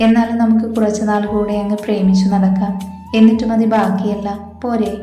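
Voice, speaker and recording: A patient young husband talks softly and tenderly to his wife, read out by a woman narrator. The tone is mellow and even, with roomy echo and faint music behind. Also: mid-range voice, a little fast, lightly acted. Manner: soothing, tender.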